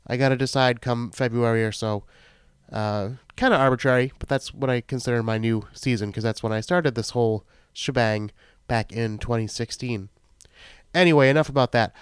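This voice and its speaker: A man's voice: mid-range voice, clean tone, no echo, studio quality. A man with a stuffed-up nose from a bad cold, chatting casually and jokily as he introduces his podcast, with a self-deprecating manner. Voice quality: congested, blocked-nose sound from a bad cold. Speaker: podcast host.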